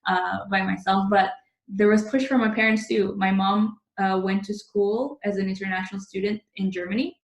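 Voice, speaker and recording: A woman's voice: mid-range voice, fairly even intonation, moderate pace, roomy sound. A young woman from Indonesia, a business journalist, speaking to the camera about her life in a thoughtful way with many fillers. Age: young adult. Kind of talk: personal reflection to camera. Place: room at home, indoors. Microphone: laptop webcam, close framing.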